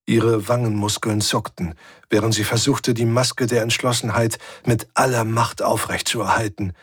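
A man reading a first-person story aloud in a measured, tense storytelling manner. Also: fairly low pitch, steady tone, fairly bright tone, slightly rough, no room sound, clean studio sound. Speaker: audiobook narrator. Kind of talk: first-person science-fiction audiobook narration.

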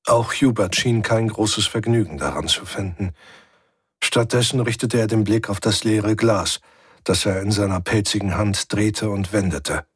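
A man reading a first-person story aloud in a measured, tense storytelling manner. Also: lowish voice, slightly rough, no room sound, studio quality. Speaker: audiobook narrator. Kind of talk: first-person science-fiction audiobook narration.

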